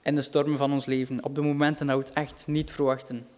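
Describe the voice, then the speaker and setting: A man's voice: medium pitch, flat delivery, fast talker, a little mellow. A man preaching a sermon, earnest and reassuring, rising in volume for dramatic quotes.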